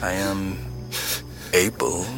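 An actor playing a grave, imperious immortal lord of dreams, formal, cold and solemn, in an audio drama. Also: male voice, low-pitched, monotone, very slow, exaggerated voice. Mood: solemn, stern. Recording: clear music behind the voice.

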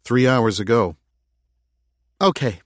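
A woman's voice: a bass voice, animated, slow pace, no echo, heavily acted. A man voicing a harried, stubborn woman mayor who speaks in insistent, clipped bursts, in a dry recording.

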